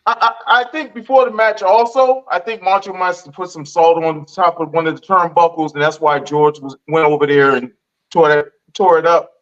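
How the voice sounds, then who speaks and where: High-voiced man on muffled audio. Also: moderate pace. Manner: stammering restarts, relaxed storytelling. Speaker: podcast panelist. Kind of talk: casual podcast chat. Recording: dull lo-fi audio.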